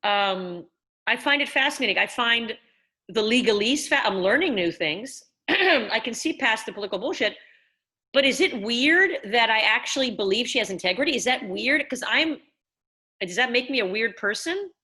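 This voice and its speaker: A woman's voice: a little high, animated, moderate pace, bright, forceful tone. A tipsy woman hosting a live stream, rambling and questioning herself with slightly slurred speech, recorded indoors on a laptop or phone mic. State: tipsy from wine. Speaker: host.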